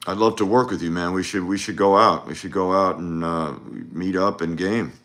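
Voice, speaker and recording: Deep-voiced man rambling on a livestream. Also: fairly even intonation, normal speed, a bit bright. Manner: loose, rambling, with frequent fillers and restarts. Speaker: dating coach. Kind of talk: casual livestream talk. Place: home livestream.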